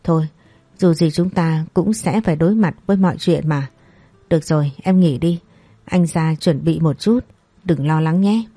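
A woman's voice: low voice, normal speed, mellow, husky, dry recording. A woman voicing a troubled married man who talks in a plain, reassuring way.

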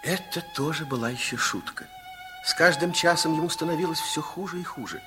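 With a fairly high voice and a brisk pace, a man narrates a Soviet children's radio play over background music, lightly acted. His storytelling is theatrical and expressive, the playful, confiding style of a fairy-tale narrator.

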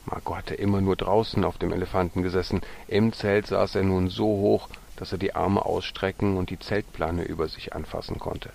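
A man reading a storybook aloud with gentle narration that sometimes drops to a soft whisper. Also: sits low, steady tone, moderate pace, gravelly, few pauses.

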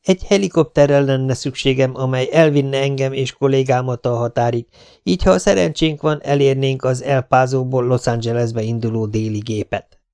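A man voicing a hard, hostile male agent in an audiobook, gruff and commanding. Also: medium pitch, steady tone, darkish tone, lightly acted. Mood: insistent. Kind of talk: audiobook character voice.

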